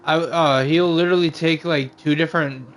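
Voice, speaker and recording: A man's voice: on the high side, fairly even intonation, normal speed. Casual swearing guy chatting with a friend. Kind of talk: casual chat.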